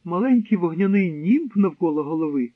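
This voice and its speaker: A man's voice: high voice, expressive, a little fast, no echo. A man reading an audiobook, voicing an arrogant, cruel German SS captain who barks and boasts. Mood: pompous. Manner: barking, shouting, pompous. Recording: dry, tinny narrow-band sound.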